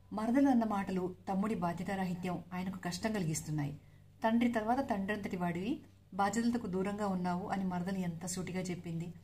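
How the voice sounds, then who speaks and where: A woman's voice: mid-range voice, dark tone. A woman narrating a serialized novel, recounting the story steadily for her listeners.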